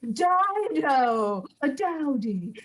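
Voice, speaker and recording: Woman as a teasing young nobleman, theatrical Shakespeare reading, measured pace. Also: high-pitched, sing-song, heavily acted, poor audio. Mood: mocking. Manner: theatrical, teasing verse delivery. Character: witty, mocking young male nobleman.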